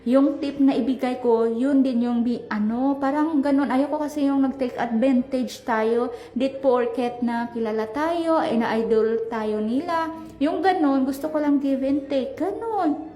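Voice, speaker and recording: A high-pitched young woman vlogs as she walks down a street, chatty and animated, calling out to her viewers often. The recording has an echoey, roomy ring. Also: a little slow. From Philippines. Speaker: travel vlogger. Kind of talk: casual vlog chat while walking. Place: outdoors on a street.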